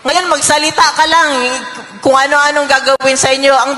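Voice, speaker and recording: A middle-aged woman speaking emotionally to an audience, halting and repeating her words. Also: high-pitched, fairly even intonation, sharp tone, roomy sound, long reverb tail. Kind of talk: emotional personal testimony.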